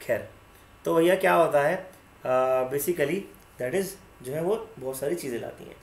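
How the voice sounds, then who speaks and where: A man's voice: fairly high pitch, measured pace, reverberant. A male teacher giving an online class, teasing students by name and mixing English terms into his talk. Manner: mixes Hindi and English terms.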